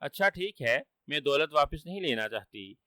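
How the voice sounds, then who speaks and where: A man's voice: fairly high pitch, very animated, pushed and bright, no echo. A man voicing a panicky, flustered wife who pleads frantically. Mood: panicked.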